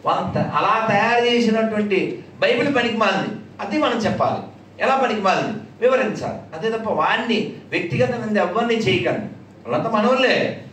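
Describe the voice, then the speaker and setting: A man's voice: sits high, animated, a little fast, a bit bright, a little hiss or hum. A man giving a religious discourse, combative and mocking, breaking into sung verses. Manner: combative, mocking asides, sings Sanskrit verses. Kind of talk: discourse to an audience with chanted verses. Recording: echoey hall heard from a distance.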